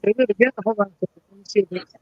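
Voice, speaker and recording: A man's voice: high voice, very fast. Man on a glitchy, cutting-out call line. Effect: choppy audio that keeps cutting out. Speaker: remote participant on a live call. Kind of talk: casual group chat. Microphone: video call. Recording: dull lo-fi call audio, glitchy and dropping out.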